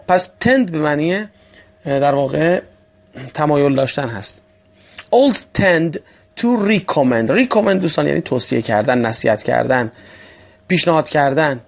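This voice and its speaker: A man teaching English vocabulary for an exam, often calling listeners friends and slowly repeating example phrases. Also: a little high, gravelly. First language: Persian. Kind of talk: vocabulary lesson for exam prep.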